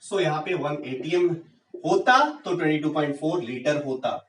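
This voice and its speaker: Casting: male chemistry tutor, high voice, fires rhetorical questions at the class, echoey room, mic at a distance. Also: normal speed. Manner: rhetorical questions, urging students on. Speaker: chemistry teacher. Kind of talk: exam-prep lecture.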